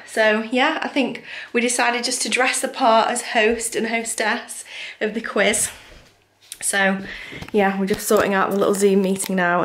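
Brief: young UK woman vlogger, slightly high voice, giggly and chatty, casual home talk. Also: fairly bright tone. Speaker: vlogger and quiz hostess. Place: home during lockdown.

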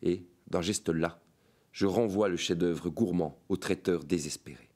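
A man with a very deep voice reads a fantastic tale aloud. He narrates in a measured, dramatic way, as in an audiobook. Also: dark tone. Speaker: reader of a short story.

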